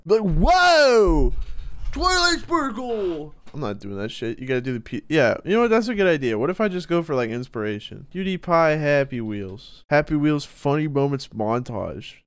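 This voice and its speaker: Excitable swearing man streaming a game. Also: fairly high pitch, fast talker, dry recording. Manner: excitable, swears a lot, laughs and shouts often. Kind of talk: gameplay commentary.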